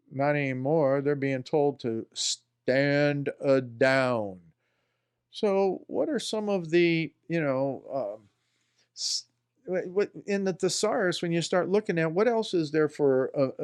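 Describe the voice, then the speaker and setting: A man's voice: a little high, clear, resonant tone. A man hosting a political commentary show in a folksy, rambling style, often talking to himself. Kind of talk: casual spoken commentary.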